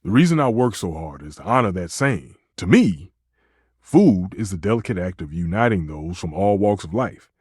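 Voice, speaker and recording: A male actor playing a passionate, dramatic, flirtatious living stove who works as a chef, with a theatrical, expressive delivery in a dating video game. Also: deep voice, normal speed, slightly rough, dry recording, studio quality, heavily acted. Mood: earnest, tender. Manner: theatrical, expressive, swinging between exclaiming and murmuring. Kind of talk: voiced dating video game character lines.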